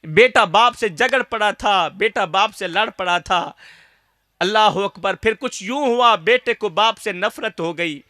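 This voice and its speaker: A man with a Saraiki accent preaching an emotional, declamatory sermon to a gathering, calling his listeners brothers and rising at times to shouting. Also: sits high, dry recording, clean studio sound.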